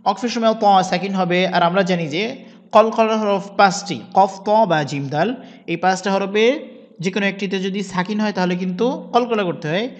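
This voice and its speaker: A man teaching Quran recitation, patiently spelling out each syllable and reciting verses slowly and drawn out. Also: sits high. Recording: long reverb.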